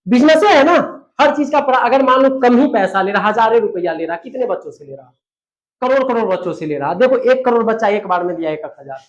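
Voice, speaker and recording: A man's voice: very high voice, highs cut off. A man, an English teacher giving a scolding motivational lecture to students. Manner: scolding, lecturing, rhetorical questions.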